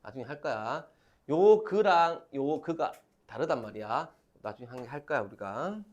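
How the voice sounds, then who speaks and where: A man's voice: mid-range voice, animated, normal speed, darkish tone. A man teaching a grammar class, repeating key terms and calling on students to read. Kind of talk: classroom lecture.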